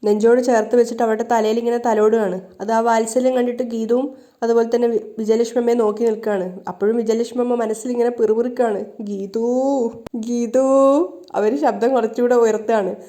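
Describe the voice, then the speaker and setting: A woman tells the story of a TV serial at a rapid clip, throwing in dramatic asides as she goes. Her voice is mellow and dark in tone yet sits a bit high. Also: little pitch movement. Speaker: YouTube serial recap narrator. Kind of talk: storytelling recap narration.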